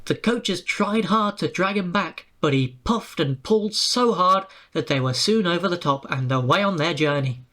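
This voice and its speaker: A man's voice: high voice, animated, moderate pace, few pauses, pushed and bright. A man reading a storybook aloud and putting on voices for the engines and coaches. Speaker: storybook narrator.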